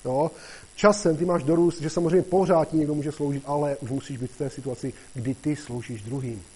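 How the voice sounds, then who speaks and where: A man delivers an informal sermon in a slightly high voice with a dark, mellow tone. He talks conversationally and keeps checking in with his listeners. When he reads scripture, his voice rises and grows louder. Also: fairly even intonation, breathy edge, rough recording. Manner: conversational, constantly asks "jo?" and "že jo?"; rises in pitch and loudness when reading scripture. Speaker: preacher. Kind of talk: casual sermon.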